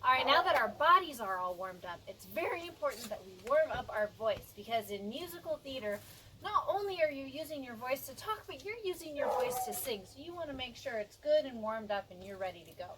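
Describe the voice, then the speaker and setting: High-pitched woman teacher, upbeat and coaxing, counting warmups out loud, bit of hiss behind. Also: lively intonation, fairly quick, poor audio. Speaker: music and theater teacher. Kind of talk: classroom warm-up instruction.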